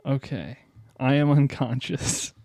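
A man playing a tabletop game, excitable and prone to swearing, reacting to his rolls. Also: medium pitch, slow, no echo, clean studio sound. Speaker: player.

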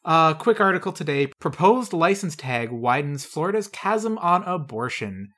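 A man's voice: on the high side, sing-song, moderate pace, bright, forceful tone. A man co-hosting a casual podcast, reading old news items aloud and adding dry, wry comments. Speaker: podcast co-host.

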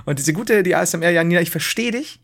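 Male podcast co-host, slightly high voice, rambling animated storyteller, casual chat. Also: quick pace. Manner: rambling, animated storytelling with laughs and acted outbursts.

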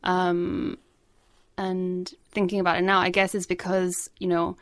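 A woman co-hosting a podcast, talking in a thoughtful, measured way. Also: lowish voice, completely flat delivery, no room sound, studio quality. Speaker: podcast host. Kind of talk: casual chat.

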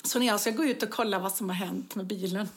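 A woman chatting casually and telling funny everyday stories, acting out her own lines. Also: medium pitch. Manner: lively storyteller, acts out own quotes. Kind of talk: casual chat, telling anecdotes.

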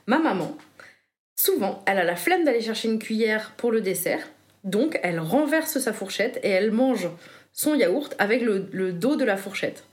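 A woman's voice: mid-range voice, lively intonation, normal speed. A woman player in a game podcast, explaining her answers earnestly, step by step. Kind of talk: casual chat.

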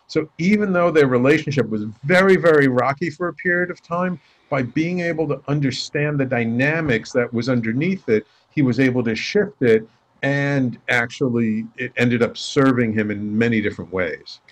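A man's voice: mid-range voice, moderate pace. A man who works as a life coach, telling stories as a guest in a casual interview and acting out the dialogue in them. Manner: animated storyteller acting out quoted dialogue.

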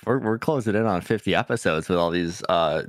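Low-voiced man, slangy podcast co-host. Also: brisk, no echo, clean studio sound. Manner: slangy, profane, filler-heavy fan talk. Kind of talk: casual podcast chat.

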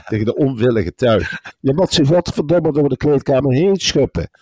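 A man's voice: lively intonation, normal speed, slightly rough, no echo. A man co-hosting a podcast, ranting and mocking in comic banter. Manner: ranting, mocking, swings into loud high-pitched outbursts. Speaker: podcast co-host.

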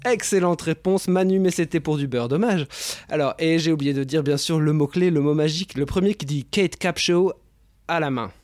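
A man's voice: on the high side, moderate pace, a little mellow, no echo, clean studio sound. A man hosting a casual online film roundtable, talking over a video call with many fillers and repeated words. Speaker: host of a film roundtable show.

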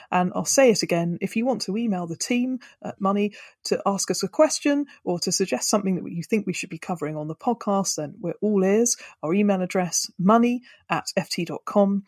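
A woman's voice: medium pitch, no echo, clean studio sound. A woman with a British accent presenting a podcast and interviewing as its host.

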